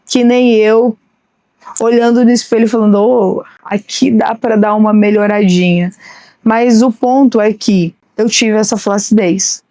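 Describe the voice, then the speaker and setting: A woman's voice: a little high, a little mellow, dry recording. A woman in her late thirties, hosting a podcast and talking candidly in a conversational monologue with frequent restarts. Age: late 30s. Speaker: podcast host. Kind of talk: personal monologue.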